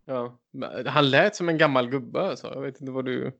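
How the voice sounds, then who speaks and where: A man's voice: mid-range voice, creaky, fairly bright tone, lo-fi sound. A man co-hosting a podcast, teasing his friend and pressing him with questions. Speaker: podcast co-host. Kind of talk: casual chat.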